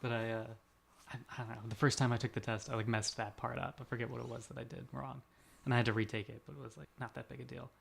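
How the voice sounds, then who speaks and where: Rambling young man with a gravelly voice. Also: medium pitch, level tone, fast talker. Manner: rambling, self-deprecating, laughs often. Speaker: podcast co-host. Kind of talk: casual chat.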